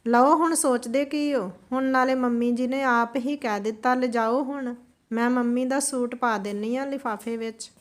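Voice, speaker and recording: Woman doing a nagging, sharp-tongued mom, always scolding. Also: fairly high pitch, fairly even intonation, moderate pace, lightly acted. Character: scornful young mother, sharp-tongued, quarrelsome.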